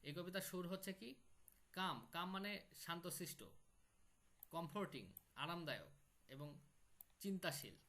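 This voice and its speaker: A man's voice: high voice, lively intonation, normal speed, pauses often, bright, forceful tone. A man teaching an online poetry class, explaining step by step and repeating key terms.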